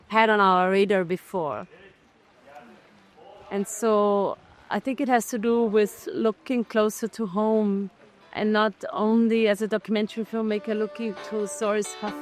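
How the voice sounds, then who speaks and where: A middle-aged Austrian documentary filmmaker, mid-range in voice, answers festival interview questions thoughtfully. She pauses and restarts as she searches for the right words.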